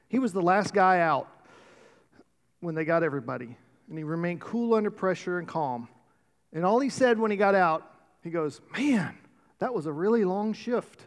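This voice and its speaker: A man preaching a sermon to his church, slightly out of breath, telling stories in a casual, self-deprecating way. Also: a little high. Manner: conversational, self-deprecating storytelling. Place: church sanctuary. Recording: long church reverb.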